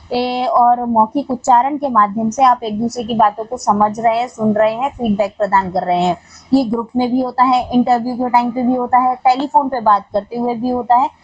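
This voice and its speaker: A woman teacher giving an exam-prep lecture, explaining step by step with frequent filler pauses. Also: on the high side, husky, poor audio. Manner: explains step by step with Hindi-English term pairs.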